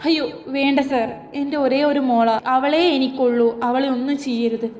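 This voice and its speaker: A woman's voice: high-pitched, fairly even intonation, normal speed, a little mellow, reverberant, natural voice. A woman voicing a widowed nurse and mother who begs and pleads tearfully, with faint music behind. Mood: pleading.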